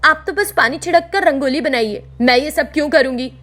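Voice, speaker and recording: A woman's voice: high-pitched, a little fast, a bit bright. A woman voicing a careless, cheeky young daughter-in-law in a storybook cartoon. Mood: coaxing.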